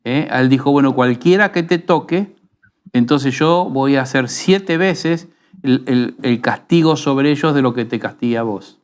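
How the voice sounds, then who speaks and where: Argentine pastor teaching in an unhurried tone. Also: male voice, medium pitch, clear, resonant tone. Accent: Rioplatense Spanish. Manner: unhurried, teaching tone with frequent rhetorical tag questions. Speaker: pastor and radio program host. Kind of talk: conversational preaching.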